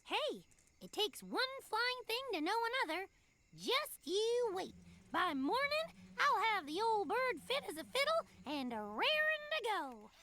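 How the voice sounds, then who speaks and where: An actor playing an excitable, boastful childish flying creature in a voiced game story, eager and proud. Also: very high voice, unhurried, a little hiss or hum, exaggerated voice. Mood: cocky, folksy. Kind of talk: game voice acting.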